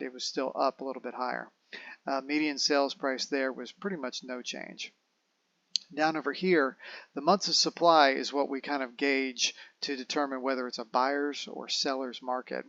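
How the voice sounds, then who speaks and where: A man's voice: medium pitch, fairly bright tone, no room sound, lo-fi sound. Easygoing male realtor explaining market numbers. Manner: conversational, explains figures step by step, self-corrects. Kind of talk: casual real estate market update.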